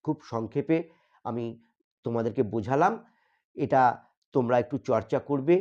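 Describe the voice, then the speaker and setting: A man teaching a grammar lesson, explaining step by step, spelling words out letter by letter and slowing down for the example sentences. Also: medium pitch, mellow, highs cut off. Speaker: English teacher.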